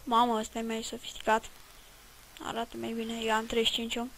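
A woman's voice: fairly high pitch, monotone, creaky, a bit bright, slight background noise, poor audio. A woman giving rambling, chatty commentary while playing a video game, swearing at it now and then. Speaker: let's play gamer. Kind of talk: casual gameplay commentary.

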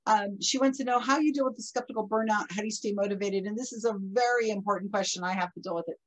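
A woman interviewing a podcast host in a casual chat, relaxed and laughing often as she reads out viewer comments. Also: medium pitch, fast talker, rough recording.

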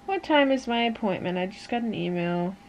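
A woman's voice: medium pitch, expressive, fairly quick, highs cut off, slight background noise. A young woman vlogging casually to her camera, rambling with lots of fillers and candid asides. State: out of breath. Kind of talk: casual vlog chat. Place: hunting blind outdoors; home indoors.

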